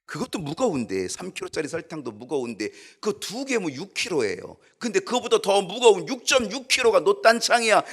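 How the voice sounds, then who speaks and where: A male pastor delivers a sermon in a church sanctuary with a bright, forceful voice. His pitch leaps and falls in a lively way, rising to loud, pressing emphasis and then dropping to quiet asides. He talks straight to the congregation and acts out short quotes as he goes. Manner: animated preaching, swings from loud to hushed, acts out quotes.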